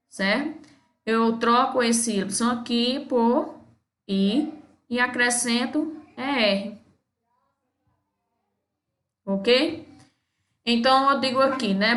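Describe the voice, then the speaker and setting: A woman's voice: a little high, sharp tone. A woman teacher from Brazil explaining a grammar lesson step by step, often checking in with her students. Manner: patient, repeats "certo?" after each step. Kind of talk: recorded English grammar lesson. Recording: echoey room.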